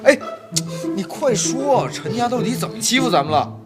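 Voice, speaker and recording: Flustered period-drama householder, exasperated, scolding, lively pitch, background music. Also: male voice, moderate pace. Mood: alarmed. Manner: exasperated, scolding, jumps between coaxing and alarm. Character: flustered young master of a household.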